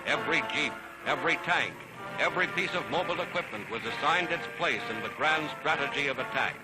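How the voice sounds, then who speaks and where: A man's voice: fairly high pitch, lively intonation, fairly quick, low-quality recording. A man giving grand, declamatory scripted narration for an old wartime newsreel. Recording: narration over loud music.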